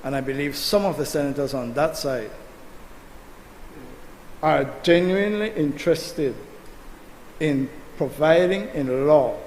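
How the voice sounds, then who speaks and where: A man giving an emphatic, combative speech as a senator in a parliamentary debate, addressing the chair. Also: on the high side. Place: legislative chamber. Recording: echoey chamber with long reverb, faint noise.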